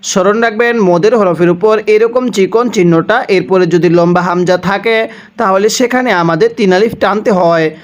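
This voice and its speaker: A man with a fairly high voice leads a recitation lesson at an unhurried pace. He spells out each letter and vowel mark, draws the words out slowly, and has listeners repeat after him. The recording sounds slightly dull and lo-fi. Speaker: Quran reading teacher.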